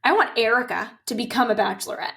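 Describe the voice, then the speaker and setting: A woman co-hosting a podcast in casual chat, animated, swearing freely and acting out quotes. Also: a little high, quick pace, gravelly. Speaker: podcast co-host.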